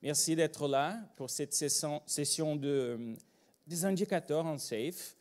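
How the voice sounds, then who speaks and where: Man, Brazilian accent, unhurried, fairly high voice, hesitant, joking, conference speaker. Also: darkish tone. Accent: Brazilian Portuguese. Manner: hesitant, many fillers and restarts, joking. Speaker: agile trainer and consultant. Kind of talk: conference talk. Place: conference room with live audience.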